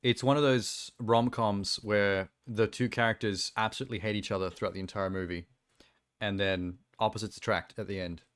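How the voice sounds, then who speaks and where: A man's voice: on the low side, steady tone, normal speed, a bit bright, clean tone. An Australian man streaming casual reaction commentary, blunt and sweary, laughing easily.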